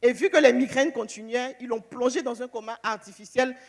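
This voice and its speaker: A woman giving an emotional church testimony, animated, acting out the phone calls she tells about. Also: a little high, brisk, long reverb tail.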